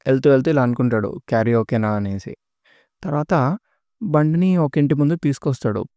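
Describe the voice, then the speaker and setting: A man casually retelling a series plot in a relaxed, chatty way, with many filler sounds between phrases. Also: fairly high pitch, fairly quick, no room sound, clean studio sound. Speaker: storyteller recapping a series.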